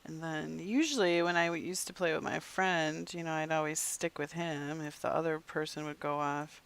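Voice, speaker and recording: A game streamer chatting casually to viewers while playing, rambling along and dropping into soft muttered asides. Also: mid-range voice, fairly even intonation, normal speed, vocal fry, smooth. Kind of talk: casual gameplay chat to viewers.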